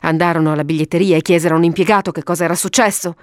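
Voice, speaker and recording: A woman narrating a detective story in an animated reading style. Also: on the low side, rapid-fire, dry recording, clean studio sound.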